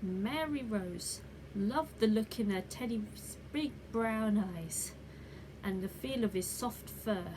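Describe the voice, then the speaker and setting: A woman reading a children's bedtime story aloud in an unhurried, measured way, like the opening of a fairy tale. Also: medium pitch. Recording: clearly noisy background ambience.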